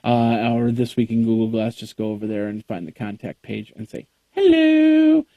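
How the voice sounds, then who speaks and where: A man's voice: on the low side, monotone, brisk, no echo, narrow, tinny audio. A man hosting a tech podcast, wrapping up the show in casual, rambling, jokey chat full of fillers. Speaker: podcast host.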